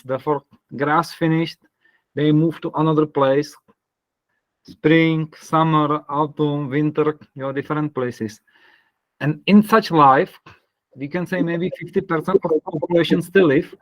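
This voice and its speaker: A man from the Republic, a parish priest talking casually on a video call, searching for words with soft laughs. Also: on the high side, no echo, rough recording. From Czech Republic.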